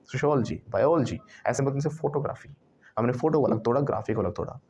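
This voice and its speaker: A man's voice: medium pitch, fast, a little mellow, a little hiss or hum. A man teaching an English lesson to a class in Hindi mixed with English. He asks questions and has the students repeat words after him. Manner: drills the class with questions and repetition.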